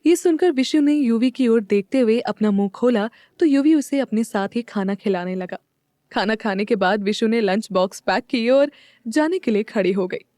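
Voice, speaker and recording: A woman's voice: on the high side, animated, moderate pace, mellow, no echo, studio quality. A woman narrating a scripted audio drama, reading all the parts herself.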